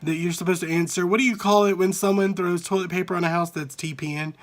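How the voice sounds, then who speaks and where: This vlogger, speaking in a Southern US accent, has a steady voice that sits high. He's taking on an accent challenge, chatting off the cuff into a handheld phone at arm's length, rambling a bit and sounding out individual words slowly to demonstrate pronunciation.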